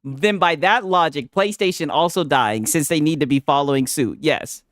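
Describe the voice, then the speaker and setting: A man co-hosting a gaming livestream over a headset mic, talking in animated, teasing banter, laughing often and giving chat shout-outs. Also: fairly high pitch, normal speed, no echo, clean studio sound. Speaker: livestream co-host. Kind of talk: casual gaming stream banter.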